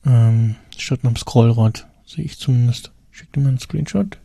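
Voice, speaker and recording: Rambling German man, dark dry voice. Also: medium pitch, moderate pace, creaky, breathy edge, no room sound. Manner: rambling, many fillers and restarts. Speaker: podcast co-host. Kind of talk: casual chat.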